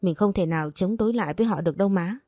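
A woman's voice: medium pitch, very fast, dry recording, lightly acted. A woman voicing a resolute young daughter. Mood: persuasive. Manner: calm, firm, persuasive.

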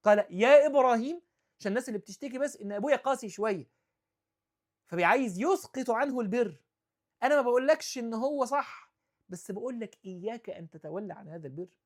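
A man with an Egyptian accent giving a religious talk, swinging from loud, stressed lines to soft, hushed ones and reciting scripture and verse in a measured chant. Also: very high-pitched, animated. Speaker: preacher.

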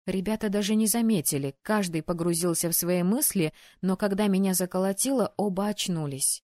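A woman's voice: medium pitch, brisk, no room sound, clean studio sound. Woman narrating a first-person audiobook. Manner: expressive, lively storytelling.

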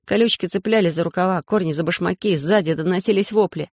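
An audiobook narrator reading a children's adventure story in a steady, measured way. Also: mid-range voice, no echo, studio quality. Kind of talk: scripted narration.

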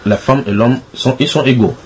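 With people gathered around in a house church room, this man runs an informal Bible study, prodding and teasing his group through questions. He speaks at a moderate pace in a medium, somewhat dark voice, and there's a faint hiss or hum.

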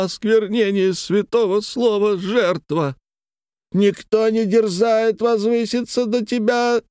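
Пьяного возмущённого молодого человека. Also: male voice, high-pitched, a little mellow, smooth, no room sound, clean studio sound, pitched above the performer's own voice. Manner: impassioned, declamatory, outraged. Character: pale, drunk, indignant young man.

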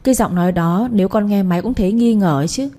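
Woman playing a scornful older mother-in-law, shrill and nagging, warm low-toned voice. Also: fast talker, close to an everyday voice. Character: sharp-tongued scolding older mother-in-law.

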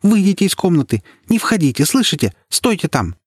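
A frightened young woman, voiced by a man pleads urgently through tears. Her tone is raised and husky, with a dry close sound. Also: mid-range voice, steady tone, fairly quick, a little mellow, dry recording, pitched above the performer's own voice, close to an everyday voice. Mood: frightened, imploring. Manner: urgent, imploring. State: crying. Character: young granddaughter maid, frightened and tearful.

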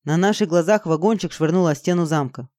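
A reader narrating a fantasy audiobook in an even, dramatic storytelling manner. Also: medium pitch, quick pace, dry recording, clean studio sound.

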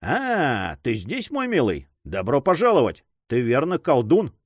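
A man's voice: medium pitch, huge pitch swings, a little slow, no echo, clean studio sound. A man reading as a cheerful easygoing buccaneer. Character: cheerful calm male buccaneer friend.

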